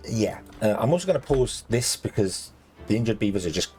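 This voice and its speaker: A let's play host with a low, slightly croaky voice rambles through gameplay commentary, full of ums and self-corrections. His delivery is sing-song and fairly quick, recorded on a desk mic with soft game music underneath.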